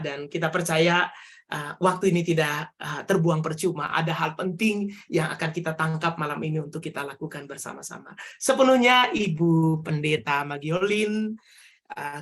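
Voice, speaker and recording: Seminar moderator, medium-pitched voice, formal hosting with halting phrases. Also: fairly bright tone.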